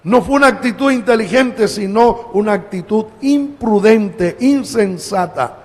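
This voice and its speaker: Male pastor preaching in a church, slow and high-pitched, long hall echo. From Colombia. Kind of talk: sermon.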